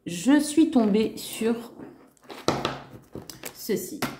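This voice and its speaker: This woman draws out her words in a slightly high, mellow, animated voice while chatting straight to her viewers about a shopping haul. She gushes enthusiastically, returning often to "trop" and "magnifique." The space is echoey.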